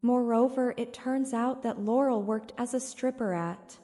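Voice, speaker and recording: A woman narrating a first-person story with a flat, even reading manner. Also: a little high, unhurried, faint music behind. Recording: long reverb.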